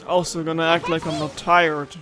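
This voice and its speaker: A gaming streamer in his own room at home gives casual let's-play commentary, musing aloud and rambling with playful complaints while game music plays behind him. His voice is a little high with a fairly bright tone.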